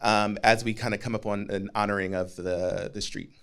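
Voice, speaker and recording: Male community organizer, lowish resonant voice, informal and jokey meeting announcements. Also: steady tone, moderate pace, fairly bright tone, clear, resonant tone. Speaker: community organization speaker, podcast promoter.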